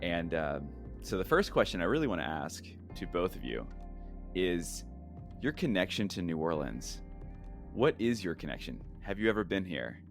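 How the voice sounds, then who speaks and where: Deep-voiced male podcast host over faint music. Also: sing-song, moderate pace, creaky. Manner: upbeat, joking. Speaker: podcast host introducing guests. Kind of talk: casual podcast intro and interview.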